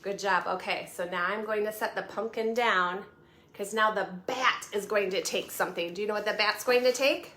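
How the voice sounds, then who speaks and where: A woman's voice: mid-range voice, normal speed, sharp tone. A woman children's librarian hosting a virtual storytime, talking in a sing-song, coaxing way and asking young children questions. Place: at home. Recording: roomy echo.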